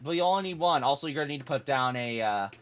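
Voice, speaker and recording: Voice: mid-range voice, lively intonation, racing. A friend on a game stream giving advice and cracking jokes in casual chat. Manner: joking, gives game advice.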